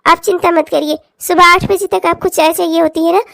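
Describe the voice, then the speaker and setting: A woman's voice: very high voice, steady tone, a little fast, vocal fry, fairly bright tone, dry recording, clean studio sound, heavily acted. A woman voicing a polite, dutiful young daughter-in-law in a cartoon, speaking sweetly and respectfully.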